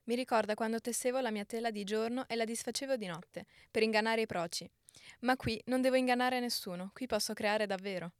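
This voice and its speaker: A patient ancient queen speaks softly and with care, as a woman reads her. Her voice is fairly high and the recording is dry and close. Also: fairly quick, dry recording, close to an everyday voice. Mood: gentle. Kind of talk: audiobook character reading.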